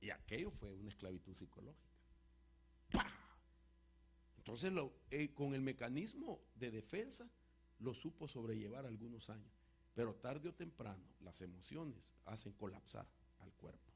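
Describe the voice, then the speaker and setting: A man preaching and answering a question with a personal testimony, an emotional storyteller whose voice swings from loud to hushed. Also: medium pitch, very animated, moderate pace, vocal fry, husky. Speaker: apostle answering congregation questions.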